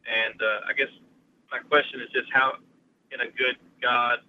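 A man's voice: mid-range voice, level tone, normal speed. A man from Kentucky calling in to a radio show, hesitant and full of fillers, heard over the phone line. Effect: caller heard over the phone line. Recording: dull lo-fi phone line with faint noise.

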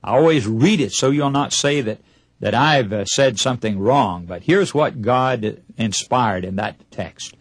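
A man's voice: medium pitch, a little slow, slightly rough, no echo. A man preaching a broadcast Bible sermon, emphatic and putting rhetorical questions to his listeners. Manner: acts out short imagined dialogues. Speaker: radio preacher.

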